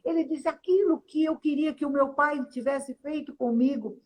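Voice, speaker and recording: A woman's voice: high voice, normal speed, a little mellow, low-quality recording. Earnest woman telling a story. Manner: earnest, often ends phrases with a questioning tag. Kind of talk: storytelling testimony.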